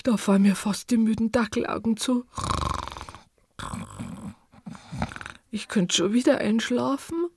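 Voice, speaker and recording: Woman as a husky little dachshund, excitable, folksy, swooping pitch, dry close sound, children's radio play. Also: normal speed, no echo. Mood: grumbling, alarmed. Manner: exclamatory, folksy, dramatic. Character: sleepy, food-loving, excitable little dachshund.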